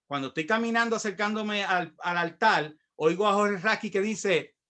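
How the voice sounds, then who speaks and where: A Puerto Rican pastor in middle age delivers a sermon built on his own testimony. His voice sits high and sounds bright and forward. He tells his story with energy and acts out the voices of the people in it. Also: normal speed. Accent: Puerto Rican Spanish.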